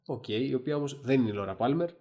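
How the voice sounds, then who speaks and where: A man's voice: mid-range voice, dark tone. A man co-hosting a casual discussion podcast, retelling a story animatedly, with frequent fillers and restarts. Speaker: podcast co-host.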